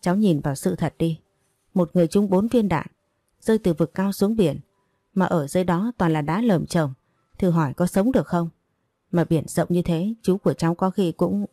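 A woman voicing a stern grown woman who firmly scolds and lectures a teenager, in a low voice. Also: moderate pace, mellow, no echo, studio quality, lightly acted.

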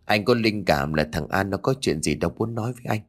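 A man's voice: fairly low pitch, big pitch swings, fairly quick, soft background music. A man voicing a shaken young farmer husband in a ghost-story audiobook, talking in a troubled, hesitant way. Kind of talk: audiobook character voice.

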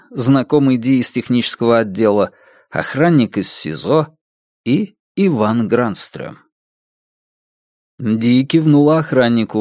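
A man narrating a crime thriller audiobook in a steady, tense manner, his voice in a middle range but lively in its rise and fall. The recording is close and dry with no room sound. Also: medium pitch, no room sound. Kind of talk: scripted narration.

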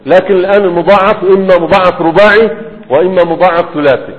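A man's voice: high voice, fairly even intonation, fast. A man with an Egyptian Arabic accent teaching grammar in a classroom lecture, often quizzing his students with "right?" and "what?". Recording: phone-like, with a long hall reverb.

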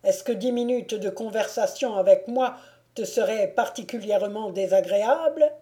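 A woman voicing a domineering, mocking noble huntsman in an audiobook reading, loud and commanding. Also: mid-range voice, normal speed, close to an everyday voice.

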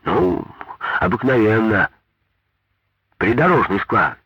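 A man's voice: fairly low pitch, big pitch swings, slow pace, breathy edge, dry recording, pitched above the performer's own voice, exaggerated voice. A man voicing a gray-haired road-works foreman who answers back defensively in a dull, dry, lo-fi recording.

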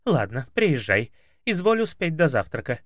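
An imperious older lady speaks with grand, exasperated weariness, voiced by a male reader. Her voice sits a little higher than his and swings up and down animatedly. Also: very animated, normal speed, no room sound, studio quality. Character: imperious, weary older woman, the narrator's childhood patroness.

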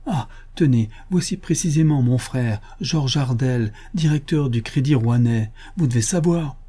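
A man voicing an excitable, well-to-do woman who has been robbed, speaking breathlessly and insistently in an audiobook. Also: medium pitch, a little slow, husky. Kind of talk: audiobook character voice.

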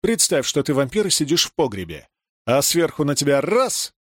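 A man's voice: on the high side, big pitch swings, moderate pace, no room sound, studio quality. A man voicing an eager, exclaiming young city man in an audiobook reading.

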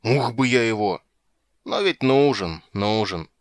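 A man's voice: fairly low pitch, animated, takes it slowly, no room sound. Man doing a grumpy blustering sea king. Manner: grumbling, blustering. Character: grumpy capricious male sea king, loud and sulky.

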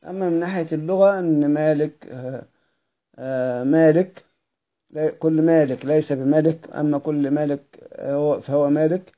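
A man's voice: fairly high pitch, steady tone, moderate pace, warm tone, muffled recording. A man with an Egyptian accent giving a study-circle lecture on Quran readings. He asks himself questions, answers them, and repeats the key phrases. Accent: Egyptian Arabic.

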